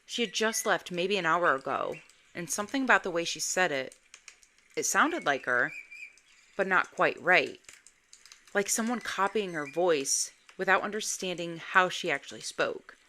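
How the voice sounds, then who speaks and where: A woman narrating a first-person ghost story in a measured, suspenseful way. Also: lowish voice, animated, sharp tone, slight background noise. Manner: slow, measured, suspenseful delivery.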